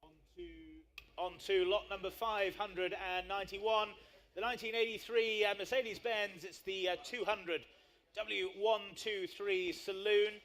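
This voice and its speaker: A man's voice: high voice, steady tone, measured pace, fairly bright tone. A man working as an auctioneer, calling a live sale in short, repeated phrases and numbers. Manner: repetitive bid patter with short clipped phrases.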